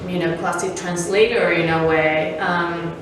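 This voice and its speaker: A woman from Venezuela, a startup founder, answering interview questions in a measured way with many fillers. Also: fairly low pitch, fairly even intonation, very echoey, far from the mic, background noise.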